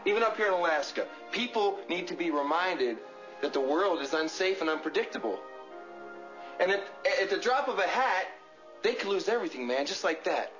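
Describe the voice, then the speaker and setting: A man's voice: medium pitch, fairly quick, fairly bright tone, close to an everyday voice. An actor playing an intense man preaching about how unsafe the world is. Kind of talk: TV drama dialogue. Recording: dull TV audio with music.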